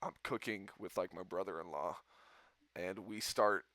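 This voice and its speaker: Bright-voiced man telling a rambling story. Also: low-pitched, moderate pace, dry recording. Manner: rambling storyteller, laughs often. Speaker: podcast host. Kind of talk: casual chat.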